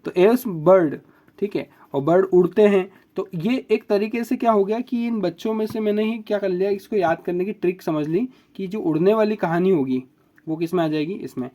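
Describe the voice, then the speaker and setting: Male biology teacher, upper pitch, slow emphatic repetition of key terms. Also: mellow. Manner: repeats key words slowly, drawn-out emphasis. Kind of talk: explaining mnemonic tricks.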